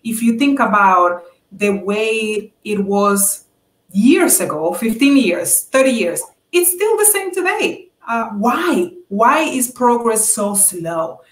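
A woman's voice: fairly high pitch, very animated, slow pace, echoey room. A woman answering interview questions in an earnest, advice-giving way with many fillers. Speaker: guest.

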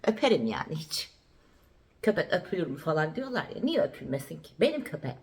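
A woman's voice: deep voice, sing-song, fast, a little mellow. A woman from Turkey chatting casually to camera at home in a daily vlog, talking to her puppy in a cooing voice and repeating herself. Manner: chatty, cooing baby talk to her dog, repeats phrases. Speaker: vlogger. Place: at home indoors.

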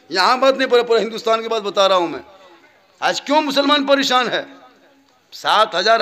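A man from Jharkhand, India, preaching at a religious gathering, shifting between low mocking asides and loud, slowed, chant-like passages. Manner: wide swings from low mutters to loud drawn-out chanting; humorous, mocking asides in local dialect. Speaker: Islamic preacher.

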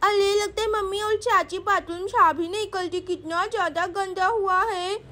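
A woman's voice: very high voice, steady tone, normal speed, pushed and bright. A woman voicing a fussy young village girl who complains and insists.

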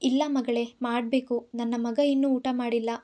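A woman voicing a gentle elderly mother. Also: fairly high pitch, little pitch movement, moderate pace, lightly acted. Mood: tender. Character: gentle elderly mother, soft-spoken and loving.

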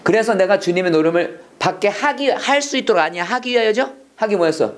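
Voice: mid-range voice, lively intonation, fast, a little hiss or hum. A Korean speaker teaching English prayer phrases to a class, drilling lines and having students repeat. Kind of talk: classroom lesson, call and response drills.

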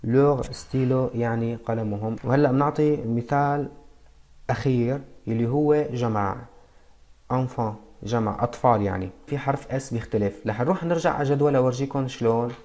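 A man's voice: medium pitch, a little mellow. Syrian-accented man teaching French basics. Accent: Syrian Arabic. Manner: patient, explains step by step with questions to viewers; spells out French words slowly. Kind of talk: beginner language lesson.

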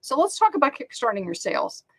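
A woman's voice: high-pitched, sing-song, fast, husky, no room sound, rough recording. A middle-aged woman hosting a channel on online selling, talking casually and upbeat with many fillers and repeated words. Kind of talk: casual talk to camera.

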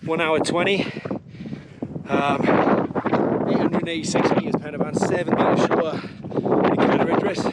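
A young man talking to a handheld camera at arm's length on a mountain summit, upbeat and excited about the views. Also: fairly high pitch. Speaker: hiking vlogger. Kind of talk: selfie talk to camera. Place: windy mountain summit, outdoors. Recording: loud wind noise on the mic. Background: loud wind.

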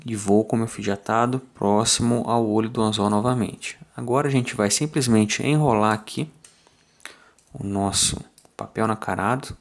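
A man with a Brazilian Portuguese accent explains fly tying step by step in a calm, methodical way, counting off each turn aloud. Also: medium pitch. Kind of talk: step-by-step tutorial narration.

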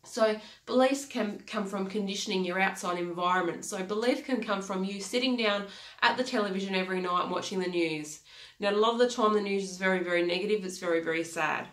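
A woman in her thirties, her voice mid-range, fairly bright, nasal, and congested, coaches listeners through an earnest motivational talk at a slightly fast clip. She gestures with her hands and repeats key phrases. The small home office she's in gives the recording an echo.

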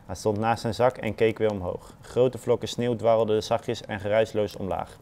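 A man reading a children's story aloud in a calm, unhurried storybook manner, with soft muttered asides. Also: on the low side.

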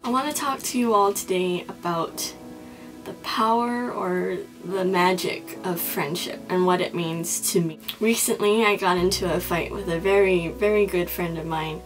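A woman's voice: lowish voice, normal speed, soft background music, rough recording. A young woman doing a mock-serious confessional vlog monologue, earnest and solemn, often restarting her sentences. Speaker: comedy vlogger.

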